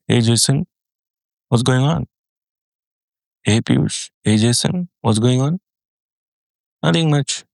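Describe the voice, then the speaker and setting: A man in his thirties giving an explanatory tech talk, conversational with restarts and fillers, getting animated as he explains. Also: vocal fry, dry recording. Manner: animated, rising pitch when excited.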